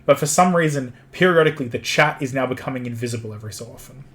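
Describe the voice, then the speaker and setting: A man's voice: mid-range voice, racing, fairly bright tone, a little hiss or hum. Rambling male game streamer. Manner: rambling, repeats himself. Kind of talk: casual game chat.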